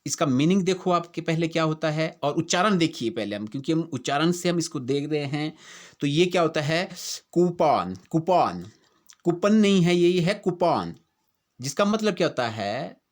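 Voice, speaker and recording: A man's voice: on the high side, lively intonation. A man with an Indian accent teaching English pronunciation in a lesson that mixes Hindi and English, asking rhetorical questions and repeating words to drill them. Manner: reads English definitions slowly and deliberately.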